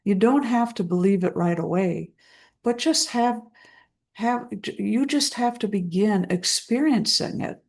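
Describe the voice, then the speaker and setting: A woman speaking as a trauma recovery coach, guiding listeners through a self-help practice in a gentle, soothing way with deliberate pauses. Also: medium pitch, vocal fry. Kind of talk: slow guided self-help talk.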